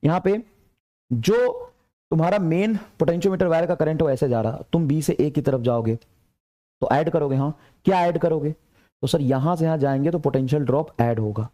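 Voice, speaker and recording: This is a lively lecture from a male physics tutor with a high, energetic voice. He keeps pushing students forward with repeated phrases, and when dictating English problems he slows right down.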